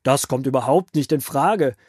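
A man voicing an angry, proud Egyptian king who gives loud orders and shouts threats in a children's Bible audio drama. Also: on the high side, lively intonation, normal speed, dry recording, clean studio sound.

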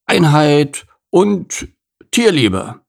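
A man doing a grumbling, gravelly circus gorilla. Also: a little high, big pitch swings, extremely slow, voice pushed up, heavily acted. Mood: pompous. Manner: grumbling, complaining, pompous when speechifying. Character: grumbling overworked male circus gorilla, self-styled artist.

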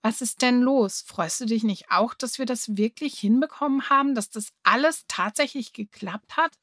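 A woman's voice: on the high side, normal speed, fairly bright tone, no room sound, studio quality. A woman voicing a shy, thoughtful schoolboy who talks hesitantly. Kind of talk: audiobook reading.

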